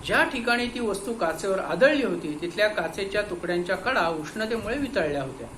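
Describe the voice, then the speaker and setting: A man reads a detective story in measured, expressive narration. His voice sits high and bright. The recording carries a roomy echo with a faint hum underneath. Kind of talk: audiobook story reading.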